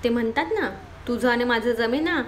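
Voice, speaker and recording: Woman reading a warm-hearted mother, mildly scolding, storybook tone. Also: a little high, normal speed, a little hiss or hum, natural voice. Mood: homely. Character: kindly middle-aged mother, gently scolding.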